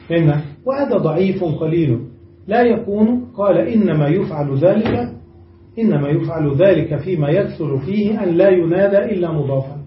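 A man giving a grammar lesson who explains step by step, slowing down to draw out each example word and stopping to check that his students follow. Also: high voice. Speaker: teacher. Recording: echoey lo-fi recording from a distance.

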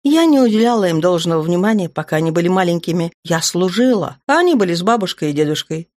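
A woman voicing a spirited grown woman commander and caring mother, with a lively, brisk delivery in an audiobook. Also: lowish voice, lightly acted. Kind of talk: audiobook character voice.

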